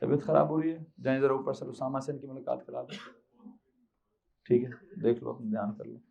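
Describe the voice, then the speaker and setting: A man's voice: medium pitch, level tone, fairly quick, gravelly, warm tone, slightly rough, dull audio. A male physics teacher with a Pakistani Urdu accent, lecturing a class and quizzing the students with repeated questions.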